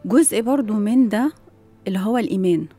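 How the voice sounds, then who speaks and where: A woman's voice: mid-range voice, fast, warm tone, soft background music. A woman with an Egyptian accent, a guest education expert, explaining her ideas in an interview and often asking rhetorical questions. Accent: Egyptian Arabic.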